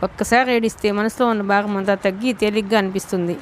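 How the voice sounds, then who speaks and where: A woman reading as a gentle, protective young man. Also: mid-range voice, fairly even intonation, fast talker, a little hiss or hum, close to an everyday voice. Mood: soothing. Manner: soft, soothing, coaxing. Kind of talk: audiobook novel reading.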